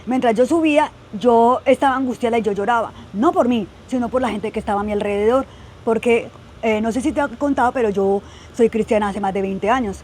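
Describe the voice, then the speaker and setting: A woman's voice: a little high, fairly quick, darkish tone, slight background noise. A young woman telling her personal story in a podcast interview, earnest and full of "eh" and "pues" fillers. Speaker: guest sharing her testimony.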